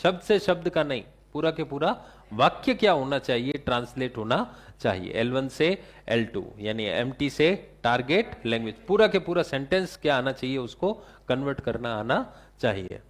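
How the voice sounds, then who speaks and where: A man's voice: mid-range voice, big pitch swings, moderate pace. A male teacher giving a classroom lecture, asking the class questions and answering them himself, with English terms mixed into his talk.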